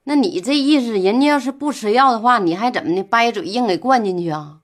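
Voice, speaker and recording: An actress playing an impatient, sharp-tongued middle-aged village wife, retorting quickly. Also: female voice, a little high, expressive, lightly acted. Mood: bickering.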